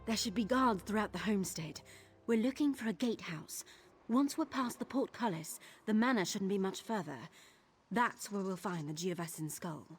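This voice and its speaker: A woman voices an eager, nervy young female thief serving as a companion in a video game, chatty and conspiratorial, with a focused, eager mood. Her voice is mid-range, expressive, moderately paced and slightly breathy.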